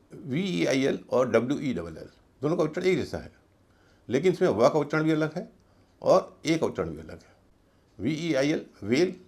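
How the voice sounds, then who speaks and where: Creaky-voiced male pronunciation teacher. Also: mid-range voice, a little mellow. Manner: slow, deliberate spelling out of letters and repeated drilling of words. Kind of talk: video lesson in Hindi.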